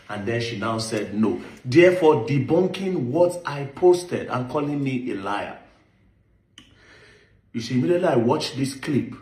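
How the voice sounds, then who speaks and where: A man with a Nigerian accent giving an impassioned, accusatory monologue, stressing points with rhetorical questions. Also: medium pitch. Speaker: online commentator. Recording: echoey room.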